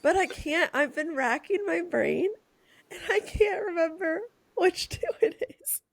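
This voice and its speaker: A woman co-hosting a podcast in casual chat, hoarse and losing her voice, chatty and teasing. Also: extremely high pitch, lively intonation, unhurried, no echo. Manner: chatty, teasing, laughs often. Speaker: podcast co-host.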